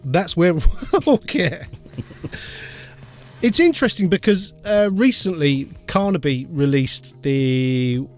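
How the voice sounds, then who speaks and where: Lively chatty man in his fifties. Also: on the high side, slow, soft background music. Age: 50s. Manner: chatty, laughs often, loses names mid-sentence. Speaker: co-host of a music production show. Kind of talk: casual chat reviewing audio gear.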